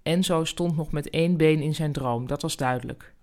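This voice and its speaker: A narrator reading a storybook chapter in a calm, even-paced storytelling manner. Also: medium pitch, moderate pace.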